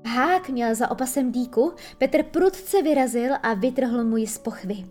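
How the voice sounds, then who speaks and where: A woman narrating a children's storybook in a lively, expressive way. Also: fairly high pitch, faint music behind. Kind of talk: storybook reading.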